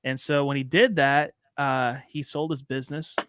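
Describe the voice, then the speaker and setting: A man's voice: mid-range voice, normal speed, clear, resonant tone, no room sound, studio quality. A man in his thirties from Chicago, chatting and telling stories as a guest on a podcast. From Chicago, USA. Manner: chatty, storytelling, relaxed slang. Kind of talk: casual podcast conversation.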